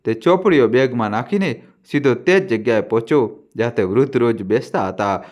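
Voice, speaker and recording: A man giving steady, dramatic scripted narration of a family drama story. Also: mid-range voice, brisk, highs cut off.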